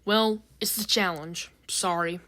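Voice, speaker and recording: A woman's voice: on the low side, fairly even intonation, unhurried, fairly bright tone. A woman voicing a cheerful, folksy male car who hosts the game. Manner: cheerful, folksy, says y'all.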